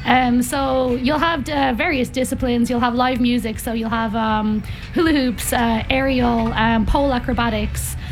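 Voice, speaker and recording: A young woman with a Dublin accent talks casually as a guest on live radio, her voice sitting a little high. She rambles along with plenty of ums and uhs. Faint music plays underneath. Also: fairly even intonation, moderate pace, hardly any pauses. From Ireland, grew up in North County Dublin. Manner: chatty, many ums and uhs. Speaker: circus performer guest. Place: live radio broadcast on location.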